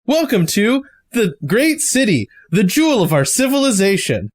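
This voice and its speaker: A game master voicing a dutiful male guide robot in a tabletop game, speaking in a stiff, recited way that sits a little higher than their own voice. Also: very animated, moderate pace. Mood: formal. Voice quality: stiff, formal, recited delivery.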